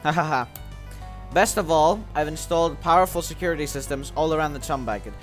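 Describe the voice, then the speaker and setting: A man's voice: fairly high pitch, fairly quick, soft background music, close to an everyday voice. Man doing a theatrical, menacing little cartoon villain. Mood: gloating menace. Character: tiny gloating male cartoon villain, grandiose scheming mastermind. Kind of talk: acted reading of cartoon game dialogue.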